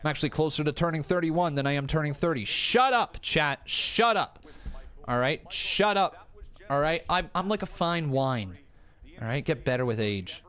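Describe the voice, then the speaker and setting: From a room in his rented home, a pro wrestling streamer from Canada, in his thirties, chats casually and animatedly to his live chat, poking fun at himself and cursing occasionally. His voice is on the high side, clear and resonant, with a moderate pace.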